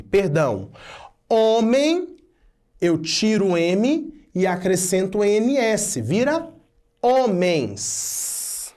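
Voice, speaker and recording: A male teacher walks his class through a grammar lesson at an unhurried pace. His pitch swings widely as he spells out letters and keeps checking that the students follow along. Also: darkish tone.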